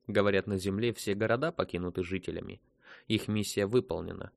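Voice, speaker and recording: A man narrating a science-fiction audiobook in a steady, even storytelling manner. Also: low voice, fairly quick, gravelly, no echo. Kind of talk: scripted narration.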